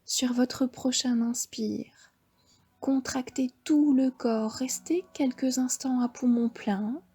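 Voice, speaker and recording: Speaking very slowly and softly, a French-accented woman guides a yoga nidra relaxation session. Her fairly high voice is mellow, breathy and steady in tone, and she often drops into half-whispered breathing cues.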